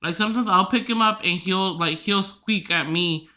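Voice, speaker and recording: A young woman chatting casually on her podcast, her voice very bright and forward. She rambles and fills her sentences with "like," slipping in giggly asides as she goes. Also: mid-range voice, normal speed. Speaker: podcast host. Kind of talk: casual chat.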